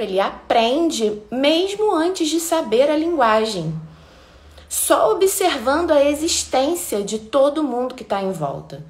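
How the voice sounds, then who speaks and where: A woman from Brazil talks through a live stream of life advice in a slightly high voice. She is animated and slips into quick mimicked voices of other people. The sound carries a roomy echo. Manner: animated, acts out little quoted voices. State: sweaty and warm after dancing. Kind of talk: casual motivational talk.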